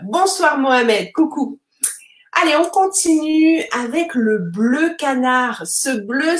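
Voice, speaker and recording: Slow, patient woman teacher in a roomy echo. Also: on the high side. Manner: patient, slow explanations with frequent fillers and tag questions. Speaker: French teacher. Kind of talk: live-streamed vocabulary lesson, reading viewer comments.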